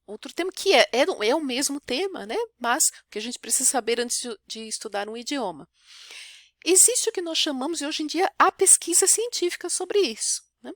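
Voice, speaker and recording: A woman with a São Paulo Brazilian accent gives an online French pronunciation lesson in a high, bright voice. She explains patiently, keeps asking "né?" and slows down to model each sound. The recording is close and dry, with no room echo. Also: animated. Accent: São Paulo Brazilian Portuguese. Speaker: French teacher.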